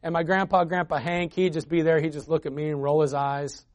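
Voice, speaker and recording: A man preaching a sermon as a guest preacher, moving between quiet intimate lines and loud emphatic builds, reading scripture aloud. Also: fairly high pitch, level tone, fairly quick. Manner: reads scripture aloud between conversational asides.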